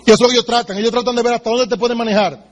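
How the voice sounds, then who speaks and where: Fast, very high-voiced man coaching sales. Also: fairly even intonation, dull audio. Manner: direct and emphatic, addresses the listener, acts out sales dialogues. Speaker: business seminar speaker. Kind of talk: motivational sales training talk.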